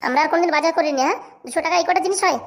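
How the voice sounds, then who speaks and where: A woman voicing a sharp-tongued, nagging young wife in a family cartoon, with a shrill, scolding manner. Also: racing. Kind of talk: cartoon voice acting.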